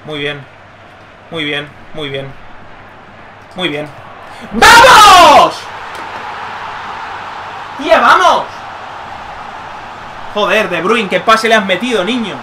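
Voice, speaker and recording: A young man commentating live on his own football video game match, muttering one moment and yelling the next. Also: a little high, moderate pace, long pauses, background noise. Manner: excitable, swings from muttering to yelling. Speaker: gaming streamer.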